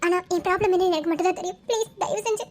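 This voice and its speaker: Woman doing a cartoon college girl, super high and quick, anxious and secretive, teasing then pleading. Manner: teasing with her friend, then pleading and tearful. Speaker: lead character in an animated love story. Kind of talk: Tamil cartoon voice acting.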